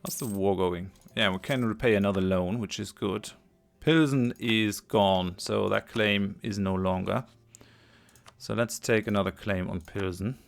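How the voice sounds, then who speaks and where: Man, gaming commentary, thinking aloud, hesitant, voice tiring, creaky. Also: fairly low pitch, measured pace, soft background music. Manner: thinking aloud, hesitant with many fillers and restarts. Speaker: let's play host. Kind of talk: casual gameplay commentary.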